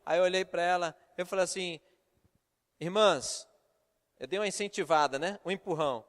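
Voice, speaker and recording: Brazilian male pastor, storytelling sermon, very high pitch, echoing church hall. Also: fast talker. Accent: Brazilian Portuguese. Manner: storytelling, acting out quoted dialogue. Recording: long reverb of a church hall.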